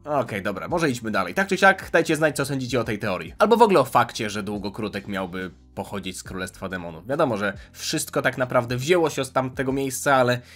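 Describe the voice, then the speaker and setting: A man talks through fan theories in casual video commentary, analytical and conversational as he thinks aloud. His voice sits at an ordinary middle pitch. Soft music plays quietly under his voice. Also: very animated, fast, few pauses. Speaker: YouTube commentator on anime.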